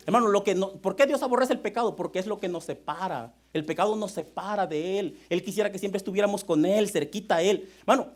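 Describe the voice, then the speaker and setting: Young pastor preaching hard, kinda high voice, keeps saying brother. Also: male voice. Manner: fervent, repeats "mano" and "hermano" as address. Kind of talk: sermon.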